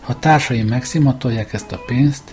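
A man giving a measured, scripted first-person narration of a story as an audiobook reader. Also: medium pitch, a little mellow, faint music behind.

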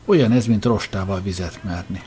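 A man's voice: deep voice, mellow, lightly acted. A man voicing a weary, exasperated adult man who grumbles.

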